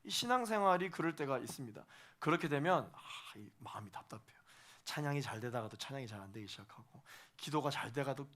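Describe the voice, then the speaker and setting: A male pastor preaching to young adults, emphatic, repeating phrases for stress and swinging between soft and loud. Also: a little high. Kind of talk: sermon to a young adults' congregation.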